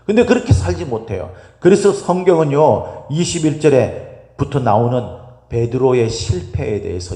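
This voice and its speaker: A male pastor delivers a sermon with a widely swinging, expressive pitch. He keeps turning to the congregation with rhetorical questions. His voice rings through a roomy hall with a long reverb tail. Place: church sanctuary.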